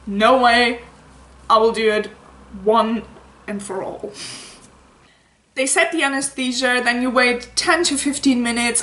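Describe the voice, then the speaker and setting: In a roomy, echoing space, a woman with a fairly high voice talks as a casual vlogger. She tells her story at an unhurried pace, candidly and with some self-mockery, slipping into quoted dialogue as she goes. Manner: animated retelling, acting out quoted dialogue. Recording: roomy echo.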